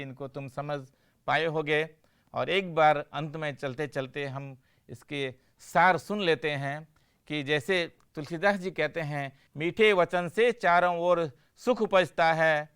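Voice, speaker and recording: A man's voice: fairly high pitch, a bit bright, smooth. A man teaching a Hindi lesson for a broadcast class, explaining patiently, asking questions and answering them himself.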